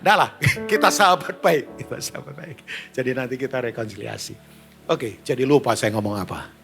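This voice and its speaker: With faint music behind him, a middle-aged pastor with an Indonesian accent preaches a storytelling sermon in a medium-pitched voice, a little fast and touched by vocal fry. He stays animated and joking, acting out dialogue and engaging the band and congregation.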